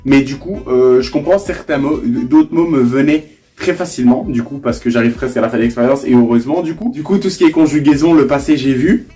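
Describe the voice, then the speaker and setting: Chatty young vlogger, music behind. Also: male voice, medium pitch, fairly quick, dark tone. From Belgium. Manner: rambling, leans on filler phrases and restarts. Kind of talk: casual vlog.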